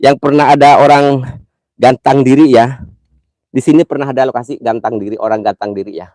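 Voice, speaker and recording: A man's voice: mid-range voice, steady tone, fairly quick, warm tone, dry recording, clean studio sound. Playful man with a stuffy nose. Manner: playful, teasing, jokingly affectionate. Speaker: livestream host. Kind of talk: live mystery-hunt stream chat. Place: outdoors in a cemetery at night.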